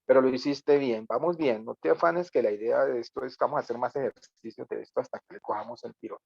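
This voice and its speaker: A man's voice: mid-range voice, fast talker, gravelly, darkish tone, breathy edge, no echo, muffled recording. Man coaching a radio class. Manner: coaching, loose and talkative, acts out lines. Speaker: radio workshop teacher. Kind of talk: online class feedback.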